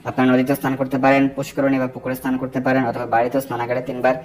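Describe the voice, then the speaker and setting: A man giving devotional ritual instruction in a firm, teaching manner, slowing down to chant Sanskrit mantras in a measured way. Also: mid-range voice, completely flat delivery, a little mellow, a little hiss or hum. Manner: firm, didactic and prescriptive. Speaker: Vaishnava religious instructor.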